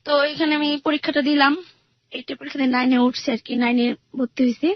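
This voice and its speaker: A woman's voice: high-pitched, fairly even intonation, fast, no room sound, lo-fi sound. A young woman earnestly retelling her own life story in a rambling way, with many fillers. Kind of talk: personal storytelling interview.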